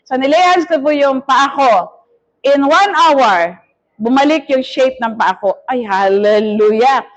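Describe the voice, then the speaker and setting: A middle-aged woman bishop preaching a testimony sermon, telling her story with lively acted-out quotes. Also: high-pitched, measured pace. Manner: animated storytelling that mixes Tagalog and English, with acted-out quotes.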